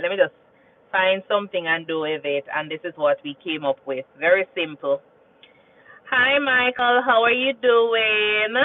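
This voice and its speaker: A chatty Jamaican woman with a mid-range voice, heard through a tinny sound, hosts a casual livestream and reads viewer comments. She's a nurse who likes telling stories, repeats phrases, and keeps asking "you understand?".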